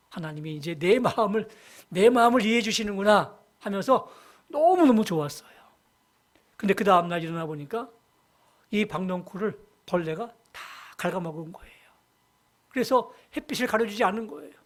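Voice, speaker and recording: A senior pastor preaching a Sunday sermon in a church, retelling a Bible story and swinging between loud emphasis and hushed asides. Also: mid-range voice. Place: church sanctuary.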